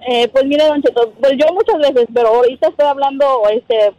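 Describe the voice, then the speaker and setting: A woman's voice: sits high, fairly quick, mellow, soft background music. A woman calling into a radio show, telling her story hesitantly with many fillers. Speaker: caller. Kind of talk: phone-in call. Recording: dull phone line.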